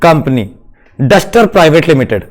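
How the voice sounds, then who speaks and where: A man with a notably high-pitched voice lectures a class of students. He is playful, keeps asking them questions and slips English terms into his explanation. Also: very animated, moderate pace. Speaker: teacher.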